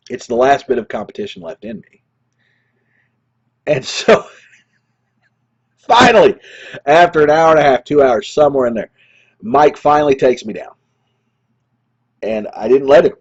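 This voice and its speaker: A man's voice: mid-range voice, a little mellow, husky, lo-fi sound. A man in his thirties, a streaming show host, telling rambling gaming stories in casual chat with chuckles and restarts. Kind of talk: casual gaming story monologue.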